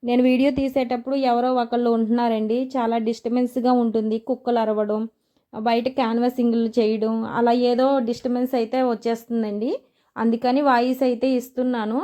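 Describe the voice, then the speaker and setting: Young female vlogger, soft-spoken and chatty, flat delivery, built-in mic. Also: a little high, fairly quick. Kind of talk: casual chat to viewers. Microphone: no microphone, phone or camera built-in mic.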